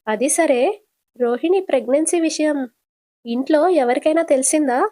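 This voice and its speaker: Young woman character, affectionate teasing sister, high-pitched, woman narrator doing her, retold serial scene. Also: moderate pace, dark tone, natural voice. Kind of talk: casual retelling of a TV serial.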